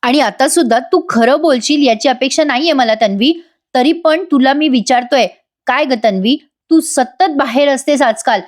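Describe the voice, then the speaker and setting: A woman's voice: sits high, normal speed, close to an everyday voice. A woman reading the lines of an angry young husband scolding his wife for lying. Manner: reproachful, interrogating.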